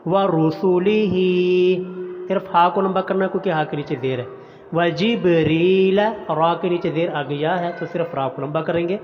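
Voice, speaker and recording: A man teaching a Quran recitation lesson, chanting words slowly and drawn out, then explaining pronunciation in quick plain talk. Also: on the high side, soft background music. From Pakistan. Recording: dull audio with long reverb.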